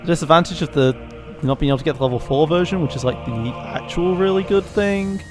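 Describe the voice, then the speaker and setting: A man's voice: a little high, fast, over music. Joking man chatting over a strategy game. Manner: loose and joking, hesitant restarts. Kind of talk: casual gameplay chat.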